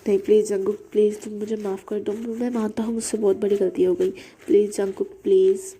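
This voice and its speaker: A woman voicing a remorseful young man who pleads with his lover, reading it plainly in her own husky voice. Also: medium pitch, little pitch movement, fairly quick, natural voice. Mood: pleading. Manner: pleading, breaks into near-shouts.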